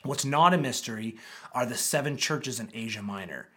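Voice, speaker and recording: A man preaching a sermon as pastor to his church, animated with dramatic pauses and scripture reading. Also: mid-range voice, slightly rough. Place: church auditorium with congregation.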